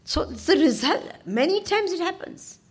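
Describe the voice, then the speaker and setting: A woman with a South Indian accent giving an informal scripture discourse as a spiritual teacher, animated and often prompting her listeners with questions. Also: extremely high pitch, normal speed. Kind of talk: informal scripture discourse to a class, with Sanskrit verses.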